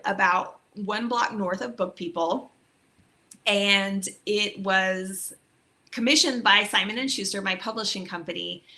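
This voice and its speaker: A woman's voice: medium pitch, bright, forceful tone. A woman from Texas, an author, chatting casually and rambling a little about her book on a video stream, with lots of ums and likes. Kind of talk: casual online book talk.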